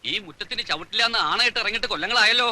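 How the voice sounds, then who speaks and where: Brief: a curt family elder, quick and sharp-toned. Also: male voice, sits high, no echo. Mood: defensive. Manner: curt, defensive, bitter. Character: proud defensive head of an old family. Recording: film soundtrack with faint score.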